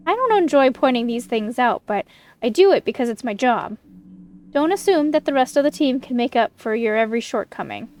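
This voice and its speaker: A stern, dutiful game character, read out by a woman, with a high voice over music. The hospital superior speaks formally and measures out each reproof. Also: lively intonation, a little fast, darkish tone, close to an everyday voice.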